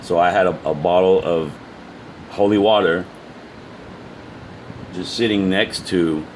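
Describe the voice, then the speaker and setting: Speaking off the cuff to his audience, a deep-voiced man who makes amateur videos gives a casual explanation, stopping, restarting and repeating himself. The recording is rough, with a faint constant hum behind him.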